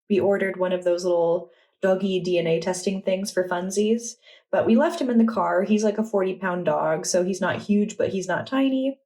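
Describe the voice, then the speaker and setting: Mellow-voiced woman chatting casually. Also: lowish voice. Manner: chatty, relaxed and enthusiastic. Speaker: vlogger. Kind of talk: casual vlog narration.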